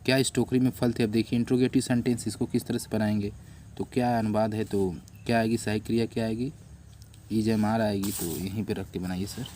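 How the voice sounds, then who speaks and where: Low, flat-voiced man dictating an English lesson. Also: a little hiss or hum. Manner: spells words letter by letter, repeats slowly; addresses viewers as friends, patient. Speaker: English teacher. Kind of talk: classroom-style lesson, slow dictation. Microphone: camera on a notebook while writing.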